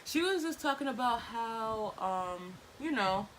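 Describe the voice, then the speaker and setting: A woman's voice: on the high side, lively intonation, unhurried, a little hiss or hum, rough recording. A woman, chatting casually and animatedly in slangy bursts while she does her makeup. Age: 20s. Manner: talking distractedly while applying makeup. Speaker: vlogger. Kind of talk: casual get-ready-with-me chit chat.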